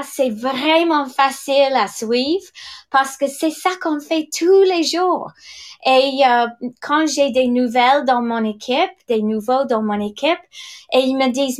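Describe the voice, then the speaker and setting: An English woman in her sixties, a native English speaker, gives podcast testimony as a direct sales leader. Her voice is high-pitched, and she talks slowly and hesitantly, with many fillers and restarts.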